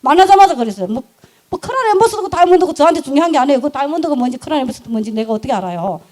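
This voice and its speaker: A middle-aged woman, telling her business story in an animated, emphatic way and laughing often. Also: high-pitched, racing. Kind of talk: lively storytelling talk.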